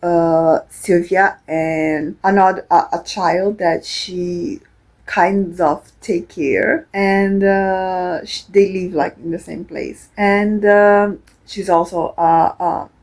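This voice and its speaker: A woman's voice: on the low side, steady tone, takes it slowly, a little mellow, rough recording. A young woman from Brazil, chatting casually about a book she is reading, rambling with many fillers and restarts. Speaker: book vlogger. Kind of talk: casual reading vlog chat.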